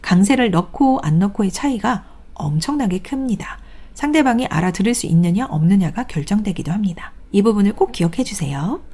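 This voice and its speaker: A woman's voice: medium pitch, animated, brisk, few pauses, mellow, slightly rough. A woman teaching English pronunciation in a recorded online lecture, patiently reading examples aloud for the class to follow.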